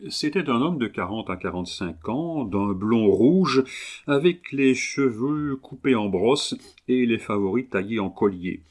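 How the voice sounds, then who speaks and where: A man narrating a memoir aloud in a measured, expressive reading. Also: mid-range voice. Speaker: audiobook reader. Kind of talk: scripted narration.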